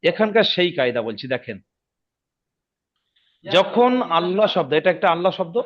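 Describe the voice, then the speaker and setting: A man's voice: sits high, big pitch swings. A man teaching Quran reading rules in an online lesson, patiently repeating each rule and checking if his students follow. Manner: slows down and drawls when demonstrating recitation. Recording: dull lo-fi audio.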